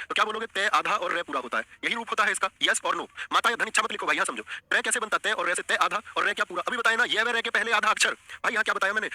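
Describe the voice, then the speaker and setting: A man's voice: high voice, bright, forceful tone, no room sound. A man teaching an online exam-prep lesson, coaxing the class and repeating his questions.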